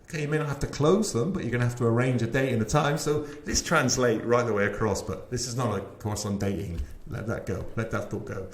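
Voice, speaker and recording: West Country man pitching a sales course. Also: fairly quick, hardly any pauses, echoey room. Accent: West Country English. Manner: enthusiastic, chatty, rhetorical questions. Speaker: sales trainer. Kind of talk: webinar presentation.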